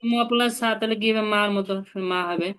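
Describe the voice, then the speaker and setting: A woman's voice: on the high side, steady tone, a little fast, fairly bright tone, smooth. A woman, teaching a language lesson and patiently explaining each step. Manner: patient, explains step by step and asks the learner to repeat.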